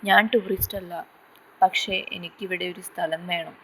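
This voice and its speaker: A woman's voice: on the low side, fairly even intonation, unhurried, pushed and bright, a little hiss or hum, low-quality recording. A woman reading a pleading stranger carrying a child.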